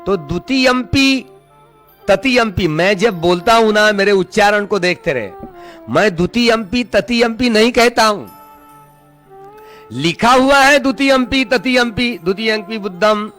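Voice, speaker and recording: A man's voice: high voice, animated, a little slow, a bit bright, soft background music. A man teaching Pali pronunciation in Hindi, carefully chanting verses and explaining how each word should be read.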